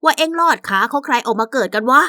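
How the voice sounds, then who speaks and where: A woman voicing a sharp-tongued, arrogant older mother-in-law in a radio story, with a coarse, scolding manner. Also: high-pitched, animated, fast, dry recording, studio quality, pitched above the performer's own voice. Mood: mocking.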